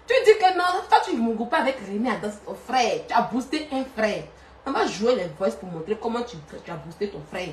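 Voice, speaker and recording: Animated laughing woman live-streaming. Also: a little high, fairly quick, roomy sound, slight background noise. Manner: animated, laughing, urging viewers to send stars. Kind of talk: live stream gossip and chat.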